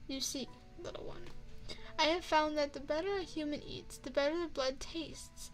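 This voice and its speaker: In an ASMR roleplay, a woman plays a courtly vampire chef with a high, feminine voice, speaking with formal, refined poise and a teasing, seductive, quietly predatory edge. She's on a close binaural microphone with faint music beneath, and the low-quality recording carries a smug, seductive mood.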